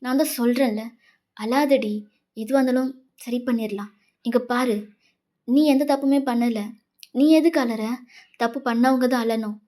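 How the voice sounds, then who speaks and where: An earnest young man, played by a woman, who insists and reassures with urgency. The voice sits a bit high and warm. It is a fan fiction voice-over. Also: steady tone, a little slow, long pauses, lightly acted. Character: worried young man comforting a friend.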